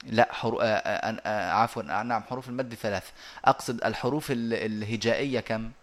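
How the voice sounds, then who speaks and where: A man teaching a lesson over a video call, explaining step by step and pausing often on drawn-out hesitations. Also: lowish voice. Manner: measured and methodical, with frequent drawn-out hesitations.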